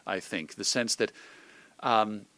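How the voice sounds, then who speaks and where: A middle-aged American old-time radio host, interviewed as a guest, speaks slowly in a lowish voice with a sharp tone and no echo. His talk is casual, reflective, discursive, and thoughtful, as he thinks aloud and brings in examples and imagined quotes to illustrate his points.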